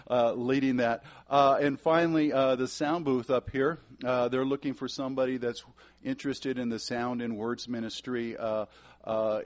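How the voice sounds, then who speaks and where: A man reads out church announcements in a sanctuary in a casual, rambling way. His voice sits at an ordinary middle pitch, and he fills the gaps with plenty of "uh"s. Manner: rambling, many fillers.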